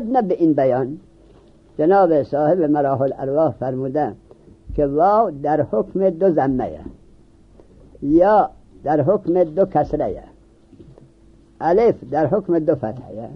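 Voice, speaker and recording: A man's voice: on the high side, husky. A man giving a classroom grammar lesson, often asking questions and answering them himself. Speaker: seminary teacher. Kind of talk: classroom lecture on Arabic grammar. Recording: dull lo-fi recording.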